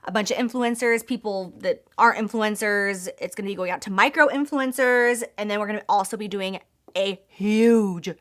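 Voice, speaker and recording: Young female beauty vlogger, emphatic and gushing, breaks into excited squeals. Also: mid-range voice, normal speed. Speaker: beauty YouTuber launching her brand. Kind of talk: excited product reveal vlog.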